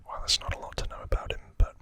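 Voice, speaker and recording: There's no room sound as this male ASMR host whispers trivia in an informal, breathy style. He goes slowly, breaking his explanation into short phrases separated by pauses.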